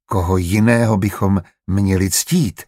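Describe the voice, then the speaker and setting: A man voicing a humble, hunted preacher who speaks calmly, low and quiet. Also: slightly rough, no room sound, studio quality.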